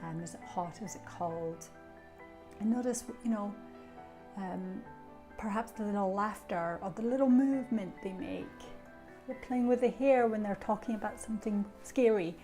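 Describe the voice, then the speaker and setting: A middle-aged Scottish woman, both coach and association treasurer, talks about herself and her coaching tips while faint music plays. Her medium-pitched voice is dark in tone at normal speed, and her reflective speech has fillers.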